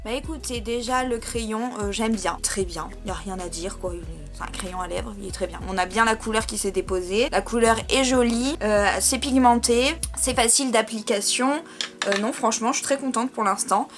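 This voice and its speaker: A woman's voice: fairly high pitch, normal speed, music in the background. A young woman chatting casually in a beauty vlog, self-mocking and talking while she tries on makeup. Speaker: beauty vlogger. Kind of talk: casual makeup tutorial chat.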